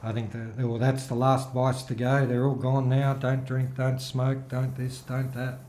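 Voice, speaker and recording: A chatty middle-aged man hosts a gaming video with casual gameplay commentary, rambling and restarting often amid lots of fillers. His mid-range voice is monotone, unhurried, and slightly mellow, though still worn as his throat recovers. The audio sounds roomy with slight background noise.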